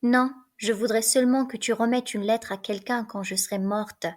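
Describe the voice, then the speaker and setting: A woman reading the part of a weary young woman prisoner facing death, in a soft, tired murmur. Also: a little high, fairly even intonation, moderate pace, close to an everyday voice.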